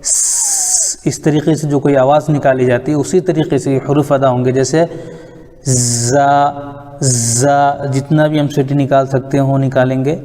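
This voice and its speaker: A man teaching Quranic letter pronunciation, explaining calmly and repeating each letter slowly for practice. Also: medium pitch, big-room sound, a little hiss or hum. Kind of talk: tajweed lesson on letter articulation.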